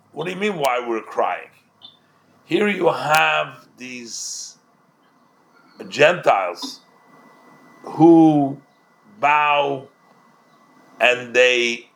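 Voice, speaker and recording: Slow gravelly man teaching a Talmud story. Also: on the high side, fairly bright tone. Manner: retells a story, then explains it, with many restarts. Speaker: Torah teacher.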